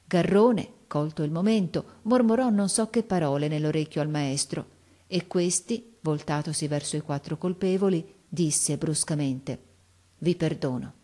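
A woman reads a classic novel aloud in a measured, expressive way, her voice sitting a little low. The narration is steady and lets each phrase land. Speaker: audiobook reader.

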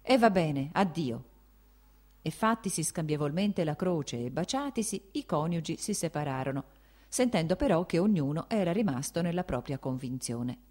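Woman audiobook narrator, lower voice, measured literary reading. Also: lively intonation, darkish tone.

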